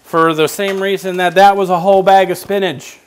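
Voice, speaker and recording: A man's voice: high-pitched, fairly even intonation, fairly quick, clean tone. A man hosting a casual cooking show from a home kitchen, explaining each step with joking asides. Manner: chatty, joking asides while explaining steps.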